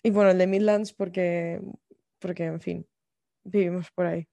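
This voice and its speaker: A woman's voice: fairly low pitch, fairly even intonation, normal speed, creaky, warm tone, no echo. A woman in casual podcast chat, opinionated and playful. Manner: opinionated, playful, mimics accents. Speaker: podcast co-host. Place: lives in the English Midlands.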